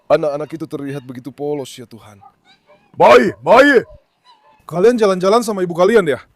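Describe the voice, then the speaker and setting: In a casual farm vlog, a dog breeder and farm owner talks affectionately to his dogs and calls out the same commands again and again. His voice is high and expressive, a little fast, and the recording is dry.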